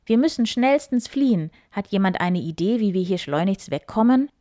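A woman voicing a grumpy middle-aged count in a children's story, loud and commanding. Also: medium pitch, lively intonation, moderate pace, no echo, clean studio sound, natural voice.

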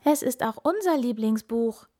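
A woman's voice: on the high side, expressive, moderate pace, mellow, pitched above the performer's own voice. A woman voicing an eager little hare in a read-aloud storybook, speaking in an eager way.

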